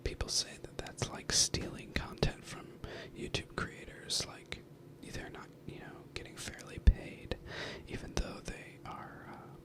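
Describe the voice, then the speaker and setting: A man's voice: a little slow, hardly any pauses. A man in his thirties whispers a casual, rambling ASMR talk close to the listener's ear. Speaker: ASMR video creator. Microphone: close binaural mic, ear to ear.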